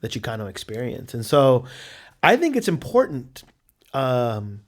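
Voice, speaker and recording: A man answering interview questions in a casual, enthusiastic, animated way. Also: mid-range voice, a little slow. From United States. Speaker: artist guest.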